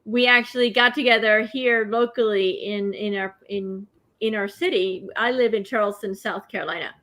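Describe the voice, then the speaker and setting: Halting middle-aged woman interviewer. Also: mid-range voice, steady tone, a bit bright. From Cuba. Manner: halting, searching for words with many ums and restarts. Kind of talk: casual conversation.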